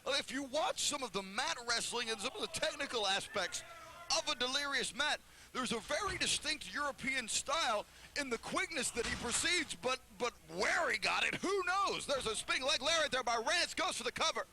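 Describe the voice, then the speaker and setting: A man giving excitable play-by-play wrestling commentary, calling moves in clipped phrases. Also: very high voice, moderate pace.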